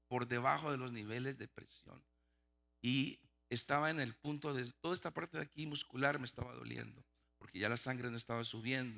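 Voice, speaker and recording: A man's voice: medium pitch, vocal fry, pushed and bright. A middle-aged male pastor telling a personal testimony in a sermon, acting out the dialogue with frequent restarts. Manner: storytelling, acts out dialogue, many restarts.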